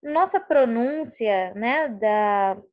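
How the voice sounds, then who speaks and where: A woman teacher from Rio de Janeiro state with a carioca accent, patiently explaining a lesson and repeating words slowly to stress their sounds. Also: a little high, lively intonation, lo-fi sound. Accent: Rio de Janeiro Portuguese. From Rio de Janeiro state, Brazil. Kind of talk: recorded online class.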